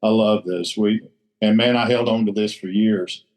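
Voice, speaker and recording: A man with a fairly low, darkish voice speaks at a moderate pace in a steady tone. He's a recovery group member giving a casual share at a roundtable, blunt and salty, swearing freely and repeating himself for emphasis.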